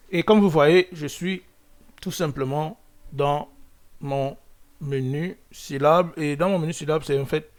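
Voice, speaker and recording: A man teaching a web coding lesson over his screen, thinking aloud with restarts and filler sounds, often checking in with "ok?". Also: a little high. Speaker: coding tutorial host.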